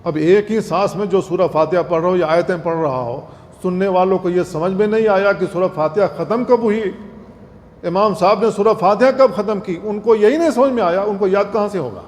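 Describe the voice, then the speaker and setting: A male Islamic scholar giving an earnest religious lecture, repeating points and slowly demonstrating recitation. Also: sits high, darkish tone. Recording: long hall reverb, faint noise.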